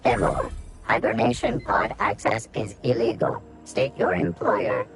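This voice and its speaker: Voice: mid-range voice, sing-song, a little slow, soft background music. A voice actor playing a glitching security robot that checks for intruders, giving stiff, clipped announcements that stutter on errors, as game dialogue. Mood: officious. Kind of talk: video game character dialogue.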